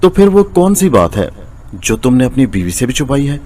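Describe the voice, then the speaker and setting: Guy putting on a gruff pushy blacksmith from a folk tale, pitched up a bit higher than his own voice, sounds like the mic is set back a little. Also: sing-song, moderate pace, dark tone, distant mic. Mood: blunt. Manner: blunt, demanding. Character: grumbling strong male village blacksmith.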